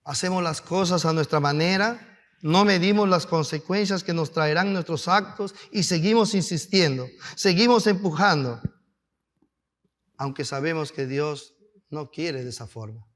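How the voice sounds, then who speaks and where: Pastor guy preaching, highish voice, lots of questions to the church, gets loud and fired up. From Peru. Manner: preaching with rising fervor, rhetorical questions to the congregation; builds to shouted, drawn-out climaxes. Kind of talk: sermon.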